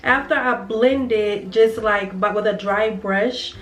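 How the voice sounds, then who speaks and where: A woman's voice: mid-range voice, slow. A young woman chatting to viewers while doing her makeup, heartfelt and casual, calling them girl and y'all. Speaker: beauty vlogger. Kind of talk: casual get-ready-with-me chat. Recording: roomy sound from a distance with faint music.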